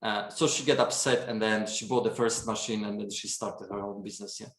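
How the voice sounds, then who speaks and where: A man's voice: on the low side, fairly even intonation, a little fast, a bit bright, echoey room. A man from Poland with a Polish accent, a podcast guest telling family stories in casual chat, laughing often and filling with "and then" and "you know".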